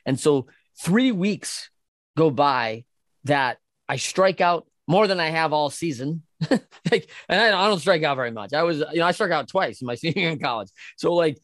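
A man's voice: fairly high pitch, expressive, moderate pace, fairly bright tone, no room sound, clean studio sound. A man co-hosting a casual talk show, telling stories with lots of energy, acting out quoted voices and laughing often. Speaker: podcast co-host. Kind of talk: casual conversational chat.

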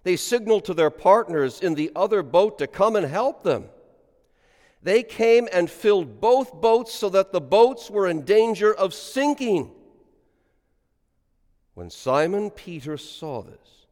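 A middle-aged man, a priest, reading the gospel and preaching a homily with a lively delivery that rises on quoted lines, heard in a large church with a long cathedral echo. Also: high voice, unhurried. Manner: lively sing-song delivery, rising on quotes.

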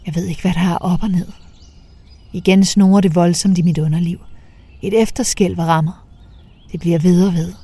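A woman narrating a first-person story in a soft, half-whispered way. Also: on the low side, fairly even intonation, pauses often, husky, no room sound.

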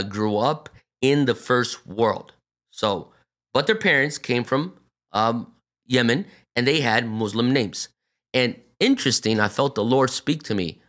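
A man's voice: fairly low pitch, a bit bright. A man in his forties from Brazil, a pastor speaking on a podcast, telling his personal story in an earnest way with many fillers and restarts. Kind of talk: reflective personal testimony.

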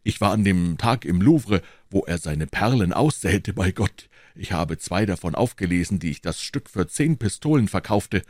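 A man's voice: sits low, lively intonation, normal speed, a little mellow, dry recording, studio quality. A man voicing a boastful, talkative burly musketeer with a chatty manner.

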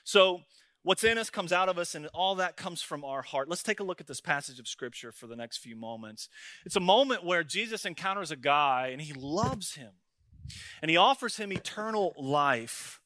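A man's voice: on the high side, expressive, moderate pace, pushed and bright, no room sound, clean studio sound. A male pastor, preaching a folksy, story-driven sermon that he keeps punctuating with "right?" and "man.".

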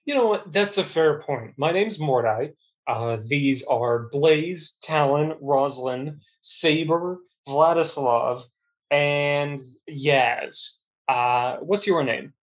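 A man's voice: a little high, slow. A man playing a tabletop game, bantering casually on a dull, muffled recording.

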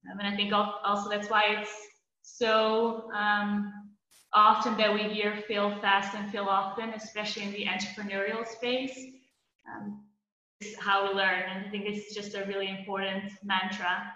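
A woman's voice: medium pitch, level tone, normal speed, sharp tone. Earnest woman in an echoey room. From Netherlands, grew up in Belgium. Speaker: guest. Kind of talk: interview answers. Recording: muffled echoey room sound.

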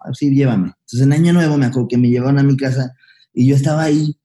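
A young Mexican man recounts his past in quick, tumbling speech, slipping into slang and acting out what people said. His voice sits very dark and low in color. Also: fairly even intonation. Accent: Mexican Spanish. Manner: fast, slangy, acts out past dialogue. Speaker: guest, comedian. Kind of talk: candid storytelling interview.

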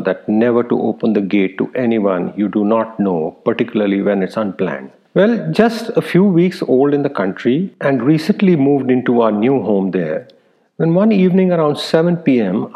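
A middle-aged man hosting a podcast, telling personal stories in a reflective, unhurried way with frequent fillers. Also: mid-range voice, mellow. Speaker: podcast host. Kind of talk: personal storytelling monologue. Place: Abuja, Nigeria.

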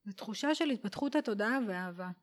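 A woman guest on a podcast, explaining spiritual ideas in an unhurried, warm way and dropping in English phrases. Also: mid-range voice, animated. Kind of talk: casual explanatory conversation.

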